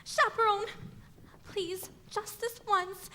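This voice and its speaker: Stage musical: a young woman as a flighty showgirl bride, very high and bright, theatrical. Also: steady tone, slow pace, slight background noise, full character voice. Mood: flustered. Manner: theatrical, gushing.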